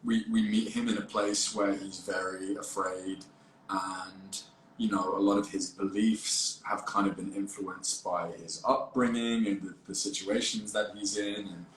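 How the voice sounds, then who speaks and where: A man, an actor, chatting playfully on a phone livestream, halting and rambling with frequent restarts. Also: sits low, flat delivery. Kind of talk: casual livestream chat. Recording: echoey room with faint background noise.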